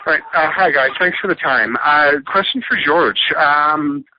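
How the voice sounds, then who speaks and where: A man's voice: a little high, moderate pace, a little hiss or hum. A male reporter asking questions very hesitantly and with stammers on a speakerphone-like press call. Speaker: newspaper reporter. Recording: muffled speakerphone-like phone line.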